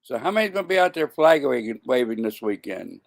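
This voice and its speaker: A man's voice: medium pitch, big pitch swings, a little fast, gravelly. A man in his seventies talking to camera in a casual monologue, often stumbling, repeating words and correcting himself. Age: 70s. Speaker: vlogger.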